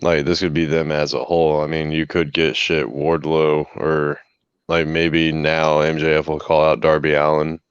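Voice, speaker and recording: A man's voice: very deep voice, completely flat delivery, moderate pace, clear, resonant tone, no room sound, highs cut off. A man co-hosting a casual wrestling recap podcast, laid-back and hedging his points. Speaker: podcast co-host.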